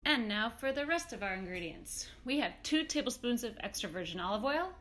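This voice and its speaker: A woman's voice: fairly high pitch, lively intonation, fairly quick, a bit bright, roomy sound. A young woman hosting a casual cooking tutorial in a small home kitchen, chatty and upbeat as she cooks, recorded on a camera mic at a distance. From Washington State. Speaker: cooking show host.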